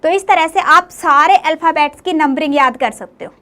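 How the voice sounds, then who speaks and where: A woman's voice: high-pitched, normal speed, pushed and bright. A woman teacher giving a classroom lecture, often coaxing her students with questions as she goes. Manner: coaxing, often asks "clear, beta?".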